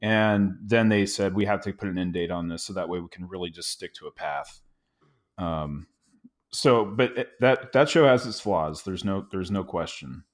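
A man's voice: deep voice, moderate pace. A man co-hosting a casual TV podcast, explaining his theories with many hesitant ums. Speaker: podcast co-host. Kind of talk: casual chat.

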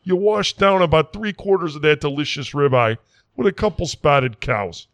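A man's voice: fairly high pitch, lively intonation, normal speed, dry recording. A man doing a folksy quack doctor. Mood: rambling. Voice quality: folksy, rambling, self-assured. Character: folksy small-town Wisconsin "doctor", middle-aged man. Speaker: comic character in a mock interview.

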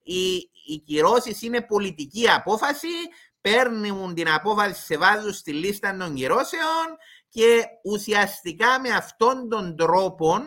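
A man's voice: high voice, expressive, sharp tone. A man with a Cypriot Greek accent giving explanatory commentary as an expert guest in an interview.

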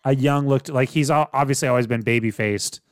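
A young man co-hosting a casual movie recap podcast, laughing often and telling stories in an animated way. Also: mid-range voice, fast, clear, resonant tone, no room sound, studio quality. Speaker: podcast co-host.

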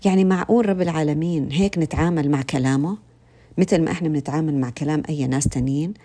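A woman's voice: deep voice, rapid-fire, dark tone. A woman with a Levantine Arabic accent giving an informal religious talk, speaking to her listeners directly with many fillers and restarts.

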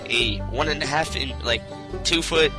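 A man's voice: medium pitch, normal speed, music in the background, close to an everyday voice. A man putting on a Southern accent as a folksy how-to show host, rambling and tripping over part names. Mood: instructional. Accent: put-on American Southern.

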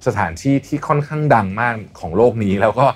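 A man's voice: medium pitch, animated, quick pace, breathy edge. A man hosting a podcast, politely interviewing and explaining health advice in a conversational way. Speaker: podcast host.

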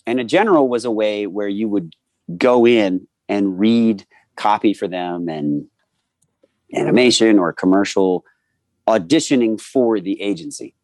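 A man in his forties, a voice actor telling animated anecdotes in a casual interview and acting out the people he quotes. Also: fairly low pitch, a little slow, dry recording. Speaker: voice actor guest.

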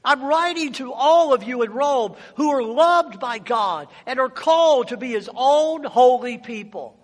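Man, very high voice, passionate sermon, emphatic exhortation, long hall reverb. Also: animated, measured pace. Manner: exhorting, with rhetorical questions and repetition. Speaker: preacher. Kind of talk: sermon to a congregation.

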